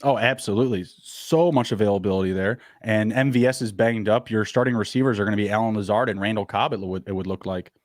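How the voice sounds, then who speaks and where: A man co-hosting a casual fantasy football podcast, rattling off stats quickly with plenty of fillers. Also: lowish voice, dry recording, studio quality. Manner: quick, upbeat, stat-heavy talk with fillers. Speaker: podcast co-host.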